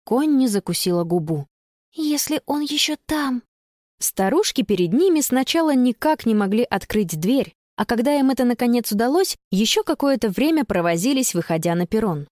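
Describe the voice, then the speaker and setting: A woman narrating a children's audiobook in an expressive, dramatic manner. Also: a little high, dry recording, studio quality.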